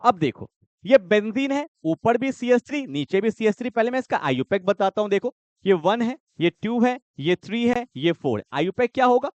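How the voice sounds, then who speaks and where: A man's voice: sits high, big pitch swings, normal speed, dry recording. A man teaching chemistry in an exam-prep lecture, keeps quizzing his students with repeated questions.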